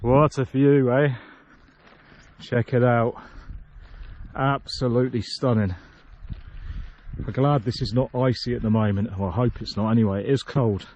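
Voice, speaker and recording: A man's voice: medium pitch, steady tone, measured pace, a little mellow. A man hiking outdoors and talking casually to his viewers, chatty and amused as he walks. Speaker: hiking vlogger. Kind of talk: casual walking commentary. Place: outdoors in open hill country.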